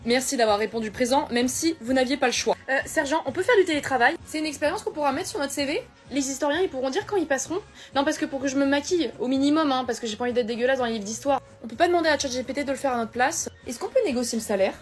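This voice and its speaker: A high-voiced woman rattling off deadpan comedy lines in a quick, chatty way. Music plays steadily behind her. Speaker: comedy creator. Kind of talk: comedy sketch.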